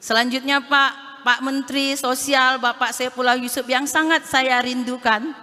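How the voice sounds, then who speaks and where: A woman's voice: sits high, steady tone, unhurried, pushed and bright, slight background noise. A woman from Aceh, head of a regional social services office, making a formal, pleading appeal at a national meeting and addressing the official again and again. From Aceh, Indonesia. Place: large conference hall. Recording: reverberant hall.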